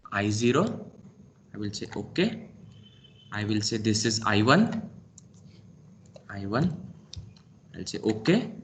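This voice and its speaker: A man with an Indian English accent, a lecturer walking through a software lab demonstration step by step and saying "okay" often. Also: mid-range voice. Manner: talks through each click step by step, frequent "okay". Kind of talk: screen-recorded software lab demo.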